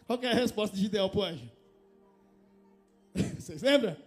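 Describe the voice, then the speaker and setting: A man's voice: high-pitched, lively intonation, moderate pace, soft background music. A man preaching a conversational sermon in a church, asking his congregation rhetorical questions and rising to passionate appeals. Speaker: pastor.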